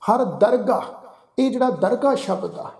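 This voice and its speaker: High-voiced man teaching scripture recitation. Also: expressive, vocal fry, darkish tone, reverberant. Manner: chants verses slowly, then explains pronunciation; addresses listeners respectfully as congregation. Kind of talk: line-by-line scripture recitation lesson.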